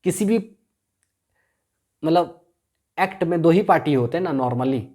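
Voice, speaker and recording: A man's voice: on the high side, animated, a little slow, darkish tone. A male law lecturer talks in a drilling classroom style, throwing out a question and then answering it himself. He circles back on the same key terms again and again so they stick. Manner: constantly quizzes the listener and answers himself.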